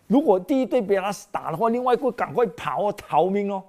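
A preacher giving an animated sermon in an exclamatory style, full of rhetorical questions put to the congregation. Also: medium pitch, fast.

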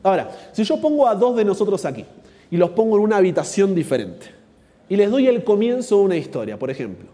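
A man's voice: high-pitched, very animated, fast, mellow. A man with an Argentine accent teaching a Bible workshop, asking his audience rhetorical questions. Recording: long hall reverb.

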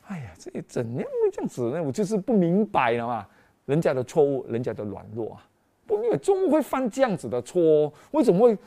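A middle-aged man, preaching as a pastor and telling a personal story with frequent exclamations. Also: fairly high pitch. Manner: animated storytelling, frequent exclamations, mixes in English phrases. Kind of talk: sermon with personal testimony.

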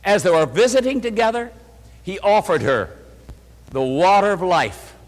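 A man's voice: high voice, expressive, moderate pace, in a large hall. A male preacher giving an emphatic sermon, calling his listeners friends and leading them through verses together.

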